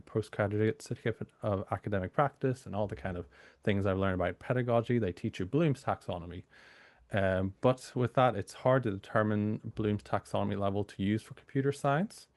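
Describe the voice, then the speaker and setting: A British university lecturer, a man a bit hoarse from a cold, giving an informal training talk full of fillers. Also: fairly low pitch, a little mellow, dry recording. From United Kingdom. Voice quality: gravelly.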